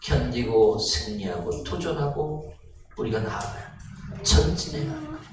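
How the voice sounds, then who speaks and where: A male pastor preaching a sermon, asking the congregation questions and rising to near-shouts. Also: medium pitch, wildly swooping pitch, measured pace. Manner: talks straight to the congregation with questions. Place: church sanctuary. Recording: echoey church hall, distant mic, noisy.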